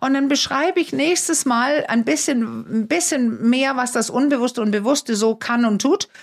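A woman's voice: high voice, a little slow. A woman co-hosting a podcast, explaining relationships and the unconscious in an earnest, emphatic way with frequent fillers. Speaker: podcast co-host, relationship expert.

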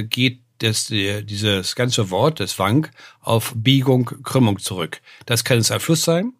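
A man's voice: medium pitch, no room sound, clean studio sound. An older man, a name researcher and professor, explaining word origins in a podcast, with many "ne?" tags and filler sounds. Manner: lecturing, often adds "ne?" and "äh", lively rises.

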